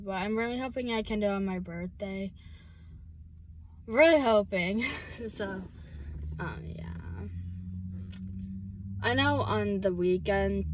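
A teenage girl chats slowly and casually from inside a car, drifting through thoughts with many pauses, fillers and restarts. Her pitch sits in an ordinary middle range. A faint hum of background noise stays under her voice. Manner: rambling and hesitant, full of fillers and restarts. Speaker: vlogger. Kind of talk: casual chat while driving.

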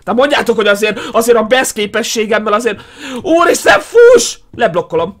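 A young man doing excitable let's play commentary as a gaming YouTuber, yelping, shrieking and laughing often. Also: high voice.

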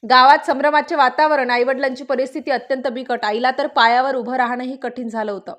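A woman's voice: high-pitched, fairly even intonation, brisk, a bit bright. A woman narrating a scripted news story in a suspenseful, dramatic style with short clipped phrases.

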